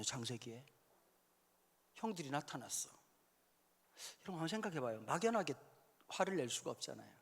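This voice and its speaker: A man in his fifties preaching a sermon in a church hall, joking and suddenly shouting when he acts out quotes. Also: on the high side. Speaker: pastor. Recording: echoey hall sound.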